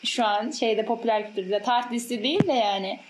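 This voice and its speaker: A young woman chats fast and emphatically, her slightly high voice ringing in an echoey room. She delivers quick opinions with conviction. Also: noisy background. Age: young adult. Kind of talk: casual chat.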